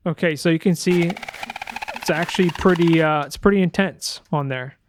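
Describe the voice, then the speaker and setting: Demonstrating sound design in a casual screen-share, a man with a somewhat high voice talks at a moderate pace, hesitating as he thinks aloud. Some background noise can be heard.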